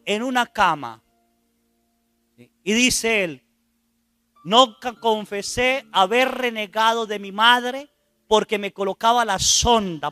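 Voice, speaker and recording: A priest preaching a sermon, retelling a testimony with dramatic, loud quoted lines and rhetorical questions to his listeners. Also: high voice, smooth, dry recording. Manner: dramatic, acts out quoted speech loudly, asks the congregation rhetorical questions.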